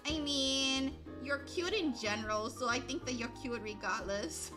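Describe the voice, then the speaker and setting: With soft music in the background, a livestreaming woman reads chat and talks casually to her viewers at a measured pace in a high-pitched voice. She rambles with many likes and ums and is self-deprecating.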